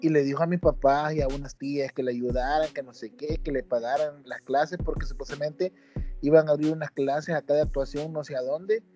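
A woman host with an unusually low, dark voice chats in a relaxed, easygoing way. Faint music runs under the conversation. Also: a little fast. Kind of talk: casual chat.

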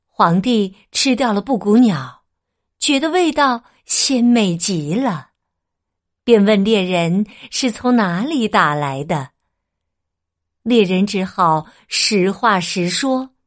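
A woman narrating a children's folk tale in a gentle, expressive storytelling manner. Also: mid-range voice, takes it slowly.

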